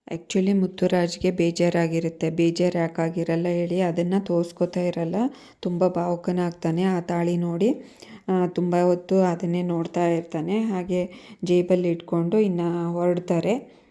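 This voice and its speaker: Woman recapping a soap episode, super flat voice, dark mellow tone. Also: fairly low pitch. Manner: monotone, steady retelling with fillers. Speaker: serial recap narrator. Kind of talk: casual story retelling.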